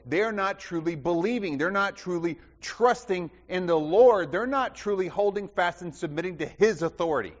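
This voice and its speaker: A man preaching a sermon as pastor, impassioned and rhetorical, repeating phrases and dropping from loud declarations to hushed lines. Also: high voice, expressive, moderate pace, few pauses. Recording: dull sound with long church reverb.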